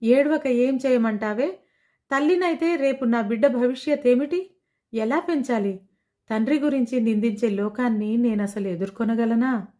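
A woman's voice: a little high, normal speed, dark tone, natural voice. A woman storyteller voicing an ashamed, frightened young pregnant woman who talks apologetically and is close to tears. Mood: distressed.

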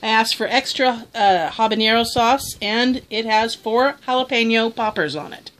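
A woman's voice: a little high, moderate pace, fairly bright tone. A woman chatting casually through a food review, exclaiming as she tastes.

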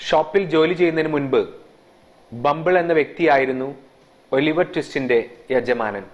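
A man's voice: a little high, normal speed. A man with a Malayali accent, teaching English by translating a story line by line and explaining the grammar. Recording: dull lo-fi sound.

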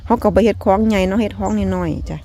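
A woman with an Isan (Northeastern Thai) accent hosts a casual vlog from her rural home garden outdoors, chatting with viewers in a folksy way, laughing often and closing phrases with soft polite particles. Her mid-range voice moves at a quick pace with some vocal fry, and a little hiss or hum sits under the audio.

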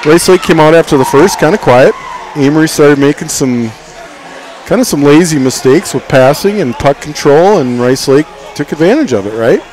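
In a noisy ice arena, a middle-aged man calls a hockey game with folksy, partisan local play-by-play. His voice is fairly high and animated at a moderate pace, with a loud crowd and arena noise all around.

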